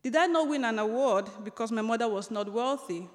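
High-voiced woman telling a story in a hall. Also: a little fast. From Cameroon. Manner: warm humor, frequent ums and restarts. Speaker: author giving a talk. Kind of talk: storytelling lecture. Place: large lecture hall. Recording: long reverb of a large hall.

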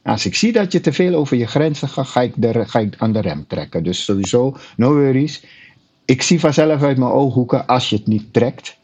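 Husky, animated man telling stories. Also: medium pitch, fairly quick. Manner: animated, acts out clients in quoted voices. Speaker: personal trainer. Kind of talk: casual storytelling chat.

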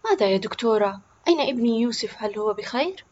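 A woman's voice: a little high, animated, quick pace, lo-fi sound. A woman playing a tender young mother. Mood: anxious. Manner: soft, tender. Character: loving young mother, gentle and patient.

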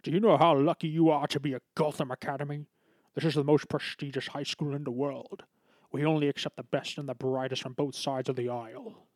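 A man's voice: on the high side, fairly even intonation, fairly quick, darkish tone, no echo, natural voice. A man voicing a smug, sarcastic, grandly menacing cartoon school principal with a formal, theatrical manner. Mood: stern. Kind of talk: cartoon voice acting.

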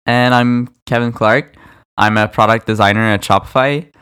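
Smooth and a bit bright, his medium-pitched voice stays fairly even at a moderate pace. This young product designer co-hosts a laid-back podcast, keeping the chat casual and full of likes and ums.

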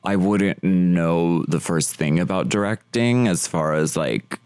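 A man's voice: deep voice, slow, darkish tone, clean tone, dry recording. A man being interviewed as a drag performer, chatting casually and rambling with lots of "like" fillers.

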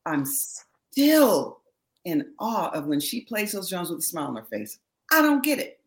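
Lively middle-aged woman telling stories. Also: fairly low pitch, a little slow. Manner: animated storyteller, laughs often, acts out quotes. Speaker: interview guest, backing singer. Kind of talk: casual interview chat.

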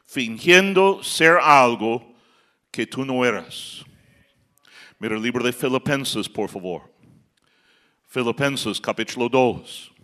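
Bright-voiced pastor preaching. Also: male voice, medium pitch, animated, slow, long pauses. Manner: preaching with rising emphatic outbursts and acted quotes. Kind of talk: sermon.

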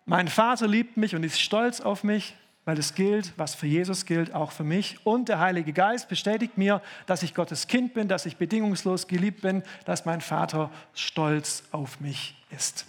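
Earnest high-voiced German preacher. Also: male voice. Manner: earnest, slows down to stress key phrases. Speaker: pastor. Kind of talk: sermon. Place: church service.

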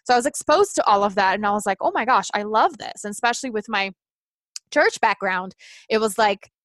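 As a guest in a casual interview chat, a life coach in her thirties whose first language is Portuguese speaks earnestly, restarting thoughts and saying "you know" often. Her voice is medium-pitched, expressive, brisk and fairly bright, with no room sound.

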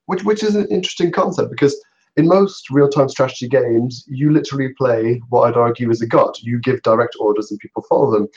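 A man chatting casually as a podcast co-host, his voice low and gravelly from a cold, with a dry, joking manner. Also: brisk, darkish tone, highs cut off. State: has a cold.

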